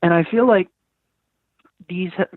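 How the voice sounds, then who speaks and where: A teenage boy from New York calls in by phone for some casual talk, his high-pitched voice unhurried and earnest as he hunts for words. There's no echo, but the line is tinny and breaking up.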